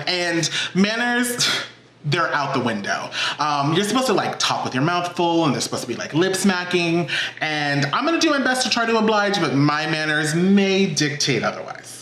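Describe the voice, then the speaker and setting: A man's voice: on the high side, sharp tone. A man hosting a casual mukbang vlog from his kitchen, chatty and encouraging, with lots of "um" and "like.". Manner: chatty and encouraging, many "um" and "like" fillers. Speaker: cooking channel host. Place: home kitchen. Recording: echoey room.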